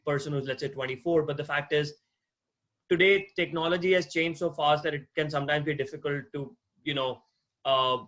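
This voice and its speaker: A mortgage agent in his 30s gives an online lecture over video call as a guest speaker, speaking with a non-native English accent. His voice is fairly high and fairly bright, and his manner is conversational, asking the class questions and often restarting.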